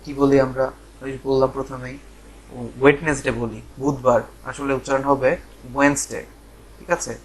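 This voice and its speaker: A man from Bangladesh teaching a live online pronunciation class, repeating words and spelling them out letter by letter, with drawn-out fillers. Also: mid-range voice, flat delivery, slight background noise, poor audio. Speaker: English teacher.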